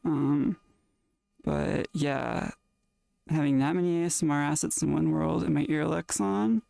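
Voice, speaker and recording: A live streamer with a sick, rough-sounding voice, chatting casually and rambling to viewers, often trailing off into fillers. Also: mid-range voice, a little slow, mellow. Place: at home in a VR play space.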